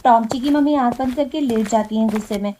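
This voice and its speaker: A woman's voice: a little high, quick pace, background noise. Woman narrating a cartoon story.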